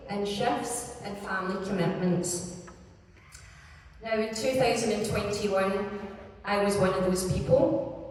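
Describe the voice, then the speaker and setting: A woman with a broad Scottish accent giving a prepared pitch on stage as a startup founder. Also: darkish tone, a little hiss or hum. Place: large echoey event venue. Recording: echoey hall, distant microphone.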